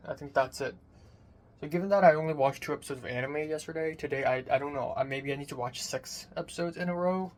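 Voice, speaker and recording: A young man rambling through a casual personal vlog, swearing casually, his voice thin with no bass on a phone microphone. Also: quick pace. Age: young adult. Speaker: vlogger. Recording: thin bassless phone mic, background noise.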